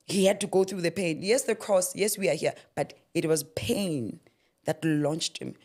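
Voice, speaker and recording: A South African woman in her thirties, appearing as a guest author, talks faith in a podcast interview, preaching and repeating phrases for emphasis. She speaks into a boom-arm studio mic before a yellow backdrop. Her voice is on the low side and a little mellow, at normal speed.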